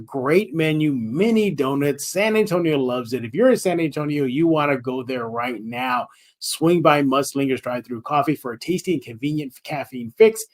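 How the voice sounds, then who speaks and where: A man hosting a sports podcast, chatty and upbeat, laughing easily with his guest. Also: fairly high pitch. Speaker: podcast host. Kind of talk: casual sports podcast chat.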